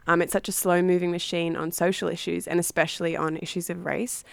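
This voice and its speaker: A woman's voice: fairly low pitch, flat delivery, fairly quick, gravelly, no echo. An Australian woman co-hosting a radio show, chatting casually with a sardonic edge and plenty of ums and likes. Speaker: radio co-host. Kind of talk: casual chat.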